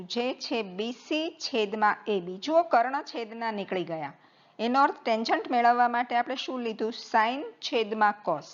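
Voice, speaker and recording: A woman's voice: on the high side, muffled recording. A woman teaching a math lesson, patiently spelling out terms letter by letter as she writes on the board.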